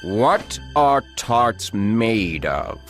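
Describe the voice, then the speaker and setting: A woman voicing a fretful old male king in a storybook, speaking in a slow, weary, grumbling way. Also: a bass voice, very animated, faint music behind, voice pushed down, exaggerated voice. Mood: commanding.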